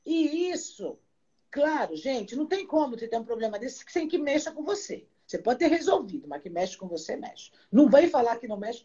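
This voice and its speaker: A woman host talks in a reflective, questioning way, her voice higher than most women's but mellow and breathy. The recording is dull and lo-fi. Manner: reflective, asks pointed questions. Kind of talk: casual commentary chat.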